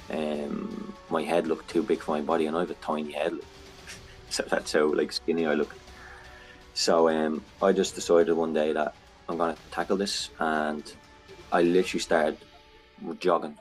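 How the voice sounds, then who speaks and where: Frank, deep-voiced man with faint music. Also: low-quality recording. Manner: frank, blunt, swears freely. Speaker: guest sharing recovery story. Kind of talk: candid podcast conversation.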